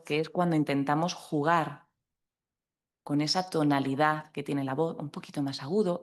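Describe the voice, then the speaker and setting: A woman teaches a room full of people how to speak in public. She talks in a lively, practical way and turns to her listeners directly, as a trainer does at a live talk in a conference hall. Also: low voice. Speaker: communication trainer. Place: conference hall at a law association.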